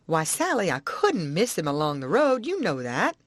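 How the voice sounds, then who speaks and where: A woman's voice: on the low side, huge pitch swings, normal speed, dry recording. A woman voicing a worried, plain-spoken old farmer with an anxious drawl. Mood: puzzled.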